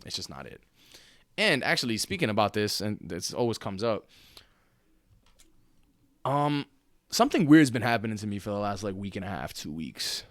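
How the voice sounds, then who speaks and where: A man in his late twenties holds forth on a casual podcast, his voice sitting low. He talks in an animated, profane, slangy way, swearing freely. The sound is close and dry. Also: moderate pace, pauses often, no room sound. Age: late 20s. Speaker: podcast co-host.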